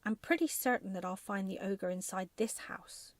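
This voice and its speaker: A woman voicing a brisk, bossy but kind old wife in a soft ASMR bedtime storybook reading. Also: mid-range voice, no room sound, natural voice. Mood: firm. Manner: firm, bossy, matter-of-fact.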